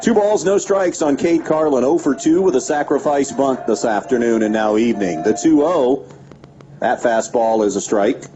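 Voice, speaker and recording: A man calling a high school baseball game play by play on local radio, giving steady pitch-by-pitch calls with stats between pitches. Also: normal speed. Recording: dull lo-fi radio broadcast with faint background noise.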